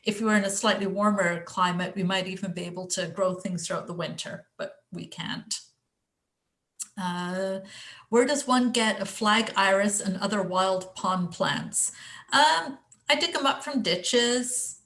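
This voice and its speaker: A woman's voice: mid-range voice, a little slow, fairly bright tone. An English woman chatting casually through a garden presentation on a video call, self-deprecating and full of fillers. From England. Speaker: guest speaker presenting her garden.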